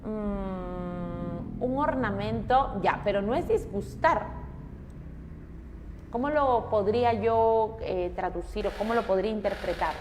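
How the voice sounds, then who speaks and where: A woman's voice: mid-range voice, takes it slowly, long reverb tail, noisy background. A woman with a Peruvian Spanish accent teaching an English class, explaining step by step and quizzing her students. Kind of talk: classroom lesson.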